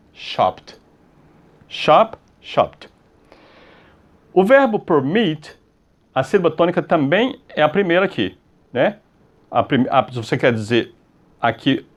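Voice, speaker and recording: A Brazilian man teaching grammar, his somewhat high voice swooping up and down as he goes. He slows down on each example word, says it twice, and tosses in quick checks to keep the class with him. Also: lo-fi sound. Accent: Brazilian Portuguese. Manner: drawn-out model words, repeated checks like "tá?" and "ok?". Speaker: English teacher. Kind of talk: explaining grammar rules on a video lesson.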